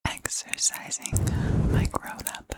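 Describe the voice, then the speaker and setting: A woman whispering softly and breathily into a close ear-to-ear microphone in a chatty ASMR style, in short, halting phrases. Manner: slow, halting, short phrases with long pauses. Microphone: close ear-to-ear stereo ASMR microphone.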